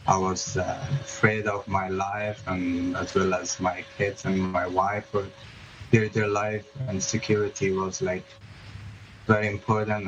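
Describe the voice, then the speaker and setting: A man, a journalist speaking as a guest in a remote news interview, hesitant, with many fillers and restarts. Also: deep voice. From Afghanistan. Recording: muffled remote line with background noise.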